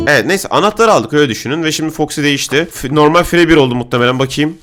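A young man rattles through his gameplay at a quick clip, joking and yelling at the characters on screen. His voice sits a little high. Game music plays steadily under him. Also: expressive. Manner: loud, jokey, shouting at game characters. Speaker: gaming YouTuber. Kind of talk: excited let's-play commentary.

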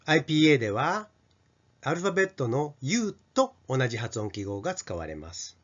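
A man's voice: mid-range voice, sing-song, normal speed, fairly bright tone. An older Japanese man teaching an English pronunciation lesson, carefully modelling sounds for students to repeat. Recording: slightly dull lo-fi sound.

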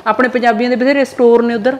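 A woman's voice: on the high side, steady tone, quick pace, darkish tone, muffled recording. A middle-aged woman from Punjab in India, a mother speaking in an interview and giving blunt, earnest warnings. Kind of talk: casual interview talk.

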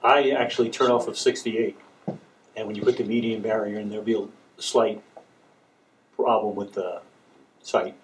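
A man's voice: fairly low pitch, steady tone, normal speed, pauses often. A man from the audience at a town hall, raising a detailed, persistent complaint about a turn with wry humor. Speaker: resident asking questions. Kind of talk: public comment at a town hall. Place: meeting room, indoors.

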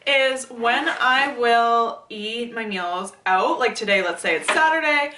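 A woman's voice: high voice, pushed and bright, reverberant, recorded from a distance, slight background noise. A woman in her twenties chatting casually and rambling on a vlog about fitness gear, swearing now and then, speaking to a camera in a small bedroom. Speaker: fitness vlogger. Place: small bedroom, then inside a parked car.

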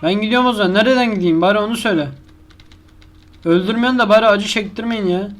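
A high-pitched, fast-talking man narrates his horror gameplay live as a YouTuber. He curses constantly in a crude way, yelps in fright, and bickers with the game's monster.

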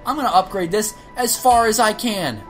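A woman's voice: medium pitch, moderate pace, faint music behind. A woman giving gameplay commentary, ranting and swearing at herself and the game as she plays. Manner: profane, ranting, talks to herself. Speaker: let's play gamer.

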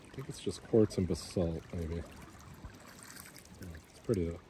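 A man with a very low voice talks casually to his camera outdoors by a river, musing and unsure as he puzzles over rocks. He records on an action camera, with running water clearly audible behind him. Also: normal speed, noisy background. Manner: musing, unsure, thinking aloud while identifying rocks. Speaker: vlogger rockhounding on a river trip. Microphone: action camera mounted on a kayak.

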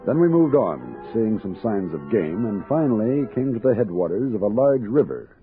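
A kindly, capable frontier captain in a 1960s radio drama. His voice is deep and moves freely up and down, measured and matter-of-fact, on a dull old recording. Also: very animated, faint music behind. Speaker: narrator and lead character.

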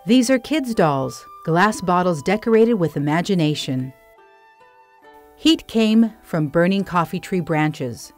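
Calm woman narrating a documentary. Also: lowish voice, soft background music. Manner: calm, measured documentary delivery. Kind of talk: scripted narration. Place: studio voice-over.

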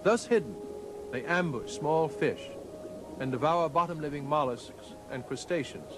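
A man narrating a scripted nature documentary in a measured, formal storytelling manner. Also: fairly high pitch, lively intonation, noisy background. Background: background music.

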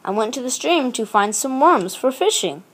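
Reading a children's picture book with lots of expression, a storybook reader voices the dialogue and exclamations in an animated way. Her voice is high-pitched and slightly rough, at a normal speed.

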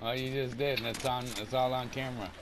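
A man's voice: mid-range voice, flat delivery, fast talker, crowd noise. A man in his forties chatting casually with a teammate during an online game, easygoing and calling people bud and dude. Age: 40s. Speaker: gaming YouTuber. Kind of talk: casual voice chat while gaming. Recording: loud background noise.

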